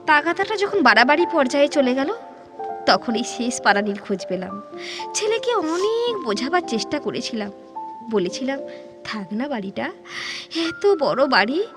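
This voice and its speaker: Actress as a very high-pitched elderly widow, radio play. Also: female voice. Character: plaintive, girlish-hearted elderly widow, retired schoolteacher. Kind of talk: Bengali audio drama acting, like an old radio play.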